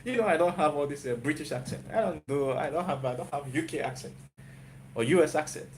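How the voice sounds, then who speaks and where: A man's slightly high, fairly quick voice comes through over some light background noise. He's a Nigerian-accented YouTuber and software developer giving his live-stream audience a motivational, repetitive pep talk. He keeps checking in with "you get?"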